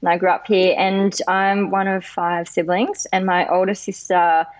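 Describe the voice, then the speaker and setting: A woman's voice: fairly low pitch, level tone, normal speed, no room sound. A young Australian woman answering interview questions in a casual way, modest and laughing often. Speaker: guest athlete.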